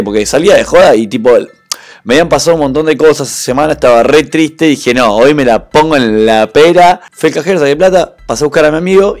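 A man's voice: medium pitch, a little mellow. A young Argentine man with a Rioplatense accent, hosting a reaction video and telling personal stories in a slangy, impassioned, emphatic way. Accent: Rioplatense Spanish. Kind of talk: reaction commentary and personal storytelling.

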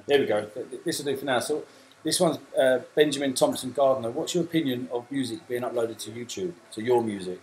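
A man's voice: mid-range voice, fairly quick, darkish tone, roomy sound, a little hiss or hum, rough recording. A man with a South London accent hosting a casual live Q&A, chatting and reading out viewer comments. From England. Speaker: host.

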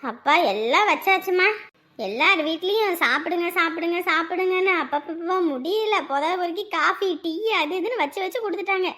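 A woman playing a fussy, warmly scolding mother figure in a family drama. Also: very high-pitched, a little fast. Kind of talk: dubbed family serial drama.

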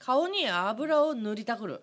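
A woman's voice: fairly high pitch, big pitch swings, a little slow, a bit bright. A woman from Miyazaki co-hosting a radio chat show, giving blunt, teasing advice. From Miyazaki, Japan.

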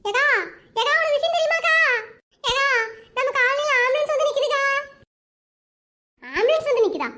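A woman voicing a nosy, gossiping village neighbor in a cartoon, excitable in manner. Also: normal speed, long pauses, heavily acted. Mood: gossipy. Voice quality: very high squeaky cartoon voice.

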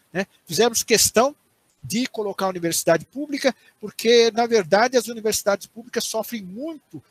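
Older Brazilian academic, high and husky, explaining on a headset call, often checking in with the audience. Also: male voice. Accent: Brazilian Portuguese. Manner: explanatory, tags phrases with "certo?" and "né?", frequent restarts. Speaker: university professor giving a guest lecture. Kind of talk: online lecture answering audience questions. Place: small home study with bookshelves, indoors. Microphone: headset on a video call.

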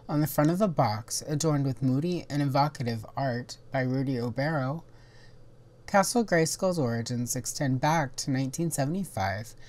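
Hosting a video on the history of toys, a woman reads documentary narration in a calm, informative way. She has a bass voice with a slightly mellow quality.

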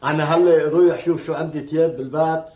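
A man's voice: fairly high pitch, fairly even intonation, very fast, darkish tone, echoey room, close to an everyday voice. An actor playing an older, poor laborer with a Lebanese accent, complaining plaintively about his aches.

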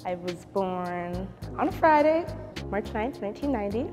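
A woman's voice: mid-range voice, animated, normal speed, a little mellow. A woman in her thirties from Canada, chatting casually and upbeat about her life as a dancer in an interview. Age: 30s. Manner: chatty and upbeat, with light laughs and filler "like". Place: dark dance studio, seated on a stool. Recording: long studio reverb with music underneath.

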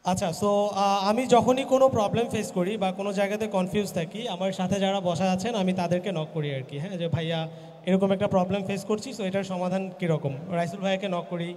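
A man's voice: high-pitched, steady tone, quick pace, darkish tone. A man moderating a live panel through a handheld microphone, his voice ringing with heavy hall echo, casual and hesitant with "ah" fillers. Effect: heavy cathedral-like hall echo. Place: large event hall, indoors. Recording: echoey hall from the PA.

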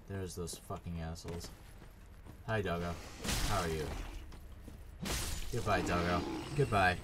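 A man's voice: mid-range voice, a little hiss or hum. A man giving sarcastic, frustrated let's play commentary while playing a game, swearing often. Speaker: gaming YouTuber.

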